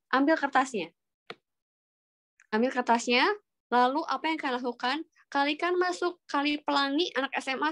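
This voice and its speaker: A woman teaching an online calculus class, patiently walking students through each step and prompting them with questions. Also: fairly high pitch. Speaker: math lecturer.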